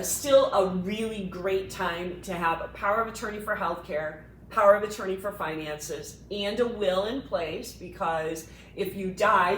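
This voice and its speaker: A woman attorney co-hosting a casual discussion, explaining things in an animated way and laughing easily. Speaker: estate planning attorney, co-host. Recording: echoey room, mic at a distance, faint rumble.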